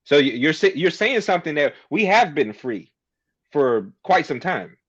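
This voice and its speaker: A man's voice: a little high, sing-song, normal speed, a bit bright, husky, highs cut off. A man co-hosting a podcast, arguing his point at length in a casual debate. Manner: argumentative, emphatic, makes a point at length. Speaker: podcast co-host.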